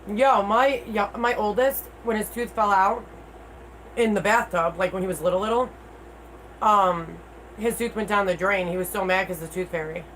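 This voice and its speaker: A middle-aged woman talks casually to her livestream viewers in a candid, unpolished way. Her speech sounds toothless, at an ordinary female pitch. There is faint noise from the room around her. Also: normal speed, a bit bright, poor audio. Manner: candid, informal, mild swearing. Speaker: livestream host.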